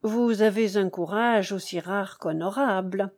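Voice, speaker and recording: A woman's voice: mid-range voice, a little slow, a little mellow, close to an everyday voice. A woman voicing a melancholy, dignified young English lord, speaking in a grave and restrained manner in an audiobook. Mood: courteous.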